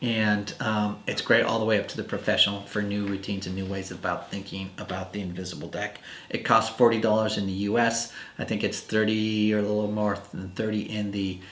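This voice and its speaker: Casual male reviewer, lowish voice, chatty and rambling, echoey room. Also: flat delivery, fairly quick, fairly bright tone. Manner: chatty, rambling with many fillers. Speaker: magic product reviewer. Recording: roomy echo.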